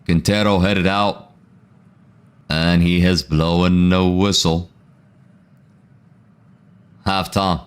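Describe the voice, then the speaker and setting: Low-pitched and flat, this man's delivery drags out his words and pauses often, with a smooth quality throughout. He's the host of a live football watchalong, speaking casually to chat in slang and reading out comments from viewers between reactions.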